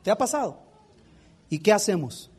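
A man's voice: high-pitched, sing-song, normal speed, a little mellow, slightly rough. A man preaching an impassioned sermon as a pastor, full of rhetorical questions.

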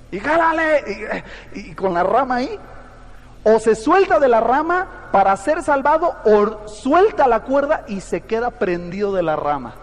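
A man's voice: very high voice, in a large hall. A man preaching a sermon, questioning his congregation and telling an illustrative story.

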